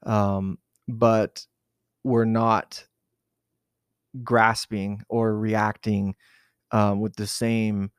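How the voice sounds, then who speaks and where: A man's voice: on the low side, level tone, very slow, pauses often, smooth, no room sound, clean studio sound. A man from southern Arizona recalling a personal memory in an unscripted interview, hesitant and reflective, with many fillers and restarts. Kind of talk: unscripted oral-history recollection.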